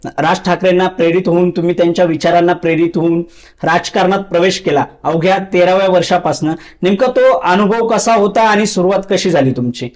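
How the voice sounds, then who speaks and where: High-voiced male news interviewer. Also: fairly quick, darkish tone. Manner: probing, leading questions.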